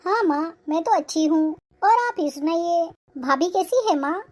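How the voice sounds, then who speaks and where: Cartoon daughter, young and curious, very high light voice, by a woman. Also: animated, moderate pace, a little mellow.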